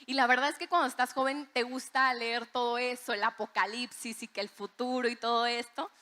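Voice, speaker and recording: Woman preacher, high bright voice, animated testimony-style sermon. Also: brisk. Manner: animated storytelling, acts out voices in quotes.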